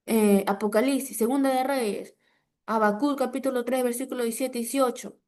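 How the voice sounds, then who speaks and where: A woman's voice: a little high, fairly even intonation, a little fast. Fervent Peruvian woman preaching. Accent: Peruvian Spanish. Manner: fervent, with repeated prayer declarations and sudden loud emphasis. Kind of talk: sermon.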